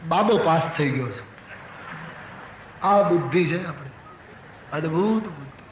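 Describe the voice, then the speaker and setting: A man's voice: on the high side, lively intonation, a little slow, slight background noise. An older man giving a religious discourse, telling anecdotes and acting out the characters in a raised voice. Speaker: spiritual storyteller. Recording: echoey hall with faint ambience.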